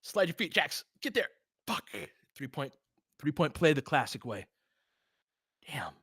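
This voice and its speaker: A slightly high, slightly rough male voice, very animated and a bit bright, unfolds at a measured pace. The host of a basketball film-room audio stream, he gives casual live play-by-play and analysis, chats informally with listeners, and urges players on like a fan. It's clean studio sound with no room sound.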